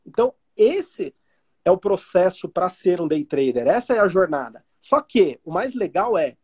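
A man's voice: high voice, big pitch swings, normal speed, husky. A man with a Brazilian Portuguese accent, a trading teacher chatting casually and explaining through everyday analogies. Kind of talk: casual podcast chat.

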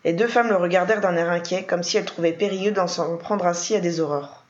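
A woman reading a novel aloud as narrator, in a steady, even manner. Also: fairly low pitch, fast. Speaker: audiobook reader. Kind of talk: reading fan fiction aloud. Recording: roomy, dull lo-fi.

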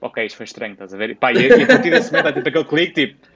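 A man's voice: mid-range voice, expressive, rapid-fire, a loud crowd. Rambling young Portuguese man, lo-fi. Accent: European Portuguese. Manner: rambling, many fillers. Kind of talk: casual chat. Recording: dull lo-fi sound.

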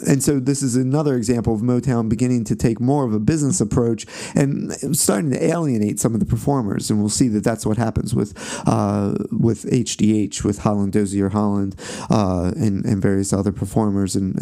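A man's voice: lowish voice, fairly even intonation, moderate pace, dark tone. A man giving a casual music history lecture, talking loosely with fillers, restarts and frequent tag questions. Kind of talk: classroom lecture.

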